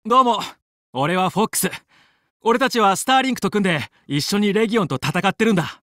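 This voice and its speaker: A man playing a young, confident fox space pilot and team leader in a video game, brisk, determined and commanding yet friendly. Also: high voice, lively intonation, fairly bright tone, no echo, studio quality. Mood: friendly, earnest. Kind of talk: Japanese video game voice acting.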